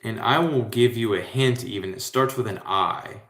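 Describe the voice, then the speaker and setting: A man from Central Florida, USA, with an American accent, hosts a casual livestream trivia show in an echoey room. His voice is medium-pitched and a bit bright at a normal speed, and he comes across slangy, hyped and rambling.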